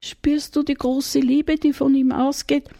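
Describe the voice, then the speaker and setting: A woman's voice: high voice, little pitch movement, a little slow, gravelly, mellow, no echo, clean studio sound, pitched above the performer's own voice. A woman with an Austrian accent voicing a timid, tender-hearted little shepherd boy who talks in a dreamy, gushing way.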